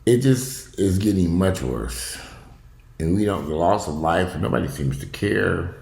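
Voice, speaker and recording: A man's voice: deep voice, expressive, a little slow, vocal fry, a little mellow, roomy sound. A man giving casual, opinionated video commentary at home, talking in a blunt, profane, rambling way. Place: indoors at home.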